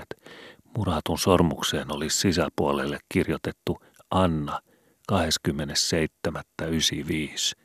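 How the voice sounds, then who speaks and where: A man voicing a streetwise teenage boy who explains things in a hushed voice with old Helsinki slang. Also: extremely low pitch, breathy edge, no echo, clean studio sound, full character voice. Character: streetwise teenage boy Vili, know-it-all.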